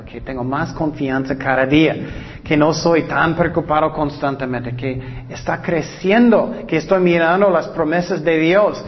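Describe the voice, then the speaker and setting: A man preaching a sermon, repeating key words for emphasis and reading scripture slowly and deliberately. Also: fairly high pitch, big-room sound. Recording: dull lo-fi recording.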